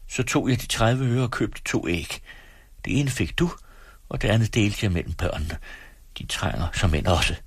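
A man's voice: fairly low pitch, expressive, breathy edge, no room sound, voice pushed up. A man putting on a pleading, tearful mother. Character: worn, pleading poor mother, woman.

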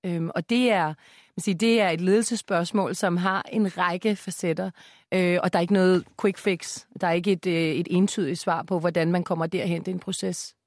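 A woman's voice: on the low side, fairly even intonation, dry recording, clean studio sound. Earnest woman arguing as a radio guest. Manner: measured, earnest arguing with fillers. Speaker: guest author. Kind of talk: radio debate. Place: radio studio.

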